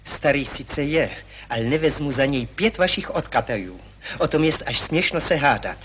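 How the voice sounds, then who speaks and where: Casting: a prickly, hypochondriac gentleman suitor, formal and quarrelsome, voice swinging widely in pitch, 1960s TV play. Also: lively intonation, slight background noise. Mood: argumentative. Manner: stiffly formal and argumentative, complains of heart palpitations. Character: fussy hypochondriac young landowner, touchy. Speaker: anxious suitor in a stage comedy. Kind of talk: 1960s television stage acting.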